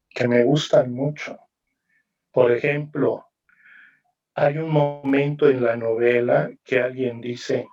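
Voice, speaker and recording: A man's voice: mid-range voice, a little mellow, recorded from a distance, dull audio. A man speaking as a novelist at a literary panel, in a reflective, musing way with frequent tag questions. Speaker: novelist guest presenting his book. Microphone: video call.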